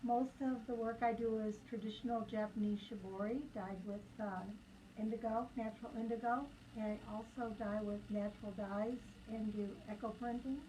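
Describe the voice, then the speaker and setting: Higher-voiced woman artist guest. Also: steady tone, moderate pace, dark tone, a little hiss or hum, rough recording. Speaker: fiber artist and tour organizer. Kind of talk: radio interview guest.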